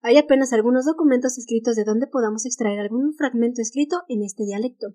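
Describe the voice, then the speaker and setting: This co-host of a casual history podcast has a Mexican Spanish accent and a warm, slightly high voice, and she talks fast. She reads from her notes, fumbles English titles, and laughs easily.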